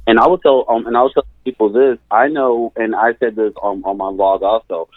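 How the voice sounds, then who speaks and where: A man's voice: fairly low pitch, steady tone, a little fast, no echo. A male therapist from California, speaking earnestly and emphatically as a guest in an interview, repeating his key phrases. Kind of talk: conversational interview. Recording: tinny phone-line sound.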